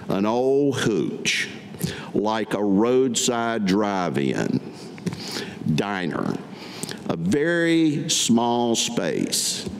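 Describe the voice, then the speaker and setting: An older man, a veteran reading his own writing, gives a staged poetry reading at a podium, speaking deliberately and pausing between short phrases in a medium-pitched voice. He's in an indoor meeting room using a gooseneck podium microphone, and the hall is echoey with audible room noise.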